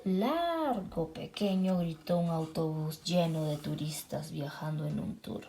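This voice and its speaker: A woman reading a picture book aloud to children, switching between two languages line by line and making lively sound effects. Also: deep voice, measured pace, gravelly. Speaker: children's storyteller.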